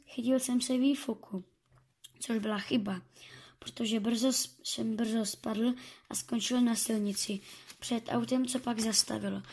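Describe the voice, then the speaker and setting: Breathy woman reading a story haltingly. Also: on the high side, a little mellow. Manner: halting, self-correcting reading.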